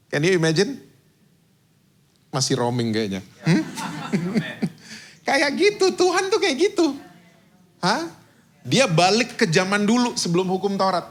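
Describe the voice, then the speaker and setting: Man, fifties, pastor, sermon, animated storyteller, fairly high voice. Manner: lively storytelling, mixes in English phrases. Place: church stage.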